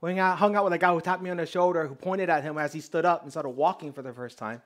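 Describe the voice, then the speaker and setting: A man preaching a sermon, telling testimony stories in a lively, conversational way and speaking straight to the congregation. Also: fairly high pitch, quick pace. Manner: lively storyteller, acting out dialogue; conversational, addresses the congregation directly.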